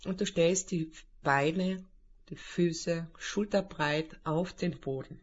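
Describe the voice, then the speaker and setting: A man leading a guided spiritual meditation in a calm, soothing, unhurried way with long pauses. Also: on the high side, breathy edge, muffled recording.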